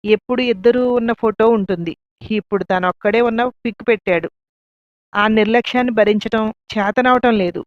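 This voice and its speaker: A woman narrating a family drama story in a calm, measured way. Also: on the high side, dry recording. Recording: dull lo-fi, dry.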